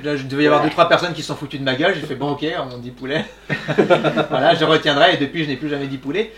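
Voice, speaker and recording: Chatty guy in his 30s doing a q&a, bright clear voice, bit high, laughs a lot, lots of euhs. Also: fairly even intonation, fast. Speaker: voice actor guest. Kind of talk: casual Q&A talk. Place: small workshop room with audience.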